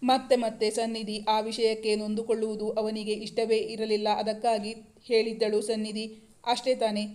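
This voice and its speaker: A woman narrating a romance novel as a steady, scripted audiobook reading. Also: on the high side, normal speed. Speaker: storyteller.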